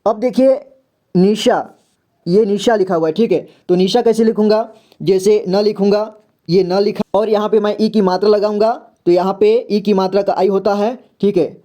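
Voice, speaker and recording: A man with a Hindi accent teaching a slow, step-by-step spelling lesson and often checking in with the listener. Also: sits high, fairly even intonation, warm tone, highs cut off. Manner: slow and repetitive, often says "theek hai". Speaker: English reading teacher.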